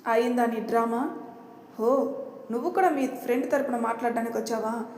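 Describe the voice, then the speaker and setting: A woman voicing a scheming middle-aged mother who complains loudly and theatrically. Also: a little high, normal speed, close to an everyday voice. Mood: indignant. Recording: roomy echo.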